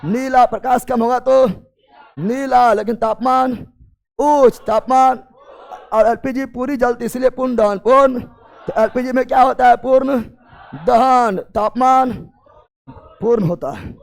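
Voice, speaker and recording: A man's voice: very high-pitched, creaky. A man teaching a chemistry class, drilling students with repeated call-and-response questions and often raising his voice.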